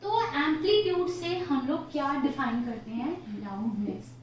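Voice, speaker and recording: High-voiced woman teacher in an echoey room. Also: very animated, unhurried, distant mic, a little hiss or hum. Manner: explains step by step, poses questions and answers them herself; mixes Hindi with English phrases, often says "theek hai". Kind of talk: classroom physics lesson.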